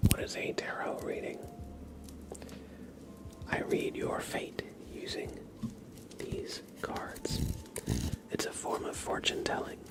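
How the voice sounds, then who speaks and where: On a livestream, the male host reads messages from his chat and thanks people in a slow, soft ASMR whisper punctuated by light chuckles. His close mic captures mouth sounds.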